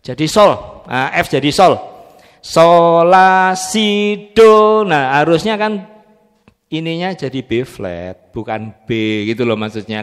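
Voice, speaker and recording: A man teaching a music class, quizzing students on letter names and solfege. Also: on the high side. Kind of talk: live music training class. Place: church training room. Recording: long reverb in a hall.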